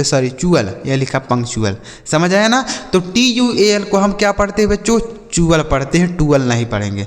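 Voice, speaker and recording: A man's voice: on the high side, in a large hall. A male English teacher gives a YouTube classroom lesson. He spells words out letter by letter and answers his own questions.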